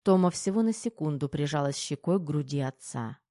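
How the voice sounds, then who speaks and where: A woman narrating a novel in an even, unhurried storytelling manner. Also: low-pitched, dry recording, clean studio sound. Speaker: audiobook narrator. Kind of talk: scripted narration.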